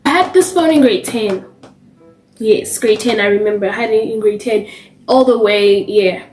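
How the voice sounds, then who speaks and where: A young woman from South Africa telling a casual storytime vlog, animated and acting out the quoted lines. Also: mid-range voice, normal speed. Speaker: vlogger. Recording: roomy with faint music behind.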